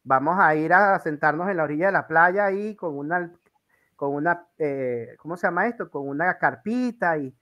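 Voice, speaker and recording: A man's voice: a little high, animated, moderate pace, sharp tone, highs cut off. A Venezuelan man hosting an interview, chatting casually and telling rambling stories with lots of fillers. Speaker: interview host.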